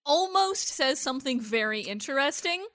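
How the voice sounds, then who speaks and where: A woman's voice: high voice, lively intonation, moderate pace, a bit bright. A woman chatting casually as a podcast co-host in an opinionated, emphatic manner.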